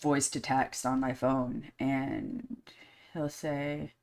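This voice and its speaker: A woman's voice: very deep voice, little pitch movement, drawn-out words, creaky, darkish tone. A woman hosting a podcast live stream in casual chat, candid and blunt, swearing freely and rambling with many fillers. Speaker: podcast host.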